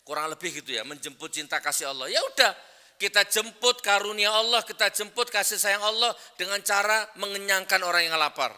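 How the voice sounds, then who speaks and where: High, bright-voiced preacher in a hall. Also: male voice, fairly quick, clear, resonant tone. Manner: direct, coaxing, asks the crowd to raise hands. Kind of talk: sermon to a live congregation. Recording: long hall reverb.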